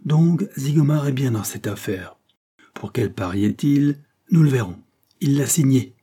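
A man's voice: mid-range voice, expressive, measured pace, mellow, slightly rough, voice pushed up. A man reading the lines of a shrewd, grave middle-aged detective chief who reasons with insistence. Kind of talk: scripted narration.

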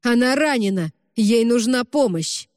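A woman voicing a commanding male rescuer who shouts orders. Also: fairly high pitch, lively intonation, measured pace, dry recording, clean studio sound, voice pushed up.

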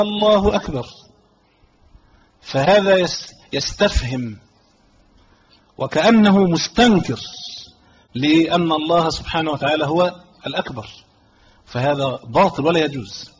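An Egyptian-accented man gives a religious lesson on a fiqh text, his voice set a little high. He reads each line of the book and then explains it patiently, repeating key phrases. The audio is slightly dull, with a faint hiss behind it. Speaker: sheikh teaching a fiqh text.

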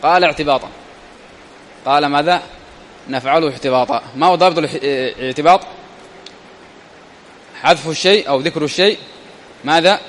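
A man's voice: brisk, long pauses, a little hiss or hum. A man from Ethiopia giving a classical grammar lesson. He reads a text aloud, explains it, and keeps asking his students rhetorical questions. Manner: reads quoted passages louder and higher than his explaining. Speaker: teacher.

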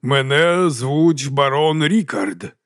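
A dignified nobleman in his fifties, as a male narrator plays him speaks slowly with quiet authority. His tone carries deep compassion and calm. The recording is dry and close. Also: no room sound. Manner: slow, quietly commanding, compassionate.

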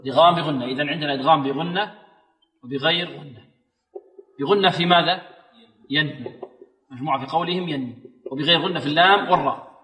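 A man teaching recitation who quizzes his listeners, answers his own questions, and slowly repeats words to model how they should sound. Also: a little high, sharp tone, roomy sound, big-room sound. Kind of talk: recitation lesson.

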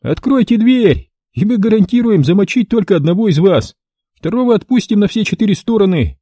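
A shrill, piping male thug, sly and spiteful, voiced with lively swoops far above a normal man's pitch. The tone is dark and husky despite the height. A man puts him on while narrating a storybook. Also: a little fast, no room sound, studio quality. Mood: scheming. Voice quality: squeaky, piping.

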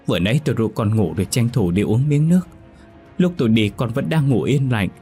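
A man's voice: mid-range voice, lively intonation, a little fast, warm tone, soft background music, voice pushed up, natural voice. A man voicing a young wife sobbing and stammering over her missing baby in a ghost story. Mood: panicked, sobbing. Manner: stammering, wailing.

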